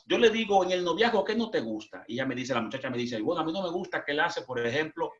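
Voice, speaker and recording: A Dominican man who preaches, telling stories animatedly and jumping into high, excited voices when he quotes people. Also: fast. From Dominican Republic. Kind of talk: animated storytelling. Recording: lo-fi muffled.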